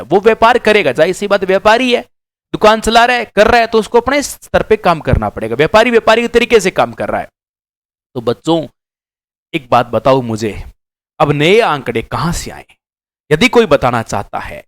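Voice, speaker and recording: A male teacher lecturing exam students with insistent emphasis, often repeating words to drive a point home. His voice sits a little high and swings widely in pitch. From Rajasthan. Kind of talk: direct-to-camera lecture.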